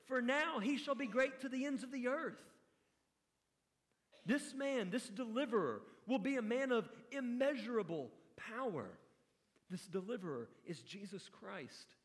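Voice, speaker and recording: A male pastor preaching a sermon with earnest emphasis, dropping to hushed appeals. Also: high voice, in a large hall.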